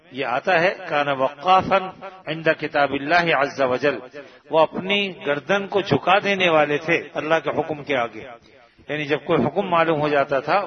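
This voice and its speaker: A man giving a sermon that explains scripture, chanting verses slowly before paraphrasing them. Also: a little high. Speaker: religious preacher. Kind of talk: Quranic commentary sermon. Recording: dull lo-fi recording, audience around.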